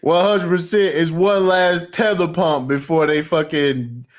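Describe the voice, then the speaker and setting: Male podcast host, slightly high voice, halting, stammering, slangy casual chat. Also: steady tone.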